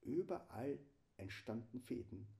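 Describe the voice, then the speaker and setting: Man, solemn meditative preacher, lively rise and fall in pitch, hushed passages. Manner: slow, solemn, drops to hushed whispers. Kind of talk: meditative spiritual reading.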